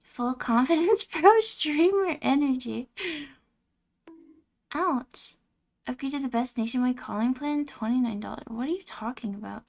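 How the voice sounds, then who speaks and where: A young woman streaming a game, chatting casually, reacting aloud and thanking her viewers, her voice going hoarse. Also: high-pitched, unhurried, darkish tone. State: losing her voice.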